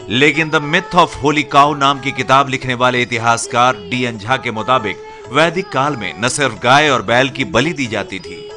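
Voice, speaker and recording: A man reading a scripted news report in a steady, measured way. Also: medium pitch. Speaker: news narrator. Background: music bed.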